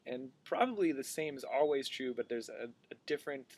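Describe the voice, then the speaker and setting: A man's voice: mid-range voice, fairly quick. A young man from Maine chatting playfully as a guest in an interview. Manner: playful, joking, relaxed. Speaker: guest singer-songwriter. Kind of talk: casual interview chat.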